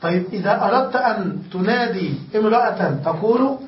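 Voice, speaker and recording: A man's voice: high-pitched, animated. A man teaching Arabic grammar as a sheikh, explaining step by step, drawing out key words and often checking that the class has understood. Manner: stretches key words slowly for emphasis. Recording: distant, echoey, dull lo-fi room recording with faint hiss.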